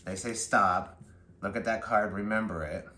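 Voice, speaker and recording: A man's voice: fairly low pitch, steady tone, normal speed. A man giving casual card magician patter, talking the viewer through a trick step by step. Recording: roomy echo, faint background noise.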